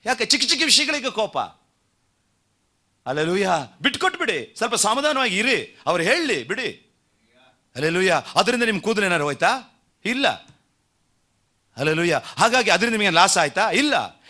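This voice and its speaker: A man's voice: high-pitched, pushed and bright. A man preaching a sermon, leading the congregation in call and response with frequent hallelujahs and amens. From India. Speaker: pastor.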